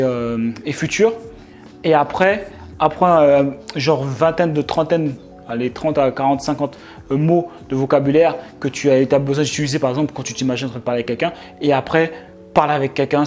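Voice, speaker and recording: A man's voice: a little high, a little mellow. A young man from France giving casual, slangy advice straight to the viewer, with many fillers and restarts. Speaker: online business vlogger. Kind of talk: casual advice talk to camera. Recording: faint music behind.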